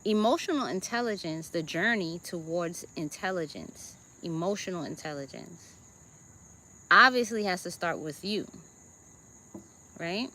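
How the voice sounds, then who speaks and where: A woman with a Jamaican accent gives a deliberate self-help talk as host, often checking in with her listeners with "okay?" and "right?". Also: on the low side, lively intonation, bright, forceful tone.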